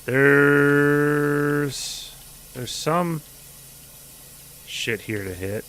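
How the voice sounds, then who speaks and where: A man's voice: mid-range voice, expressive, measured pace, bright, forceful tone, slight background noise. A man streaming a video game, chatting casually with jokes and swearing as he plays. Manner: chatty, joking, profane. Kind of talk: casual gameplay commentary.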